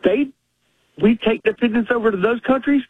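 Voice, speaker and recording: A man's voice: very high-pitched, moderate pace, breathy edge, no echo. A man in his sixties calling in to a radio talk show, explaining earnestly at length. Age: 60s. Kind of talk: casual talk radio call. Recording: tinny phone line.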